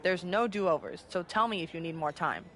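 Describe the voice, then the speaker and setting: An actor playing a businesslike wrestling manager who books matches in a game. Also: male voice, high-pitched, normal speed, a bit bright. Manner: businesslike, direct. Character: brisk male wrestling manager booking matches.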